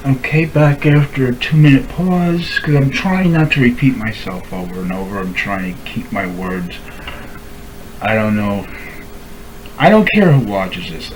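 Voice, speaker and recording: A man's voice: lowish voice, normal speed, noisy background. A man speaking straight to camera in a heartfelt, pleading monologue that keeps circling back on itself. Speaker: vlogger. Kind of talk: emotional direct-to-camera monologue.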